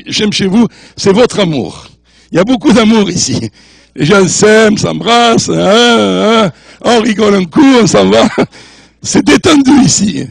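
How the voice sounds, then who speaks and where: Older male guest preacher, high voice, dry close sound, jokey and easygoing, slips between three languages. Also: creaky, no room sound. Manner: jovial, joking with the congregation; mixes French, English and Spanish. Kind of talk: sermon. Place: church.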